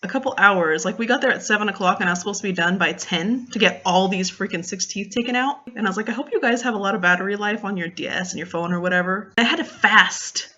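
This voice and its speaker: Young woman just chatting away on her vlog, bright punchy voice, acts out what people said, kinda muffled audio. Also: mid-range voice, quick pace, hardly any pauses. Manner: animated, filler-heavy retelling with quoted dialogue. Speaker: vlogger. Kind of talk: casual storytelling vlog.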